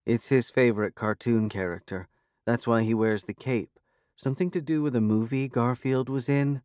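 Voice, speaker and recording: A man voicing an earnest, gentle young woman who speaks softly, slowly and matter-of-factly. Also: medium pitch, smooth, no room sound, studio quality, natural voice. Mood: calm. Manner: soft, slow, matter-of-fact.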